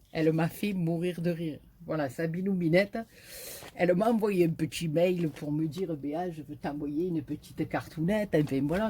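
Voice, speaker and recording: A woman's voice: lowish voice, warm tone, husky. Chatty southern French woman, rambling. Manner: chatty, rambling, frequent fillers and laughs. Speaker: YouTube crafter. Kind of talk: casual chat to camera.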